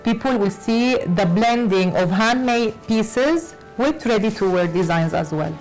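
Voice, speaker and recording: A woman fashion designer from Lebanon, raised in Latin America, answering interview questions with many pauses and fillers. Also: mid-range voice, lively intonation, darkish tone, soft background music, poor audio. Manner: hesitant, many fillers and restarts. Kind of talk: conversational interview.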